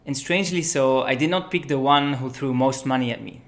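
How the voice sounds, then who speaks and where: A young Belgian man, a management consultant, is a guest in an interview. He talks casually and relaxed, with frequent ums and uhs, in a brisk, mid-range voice.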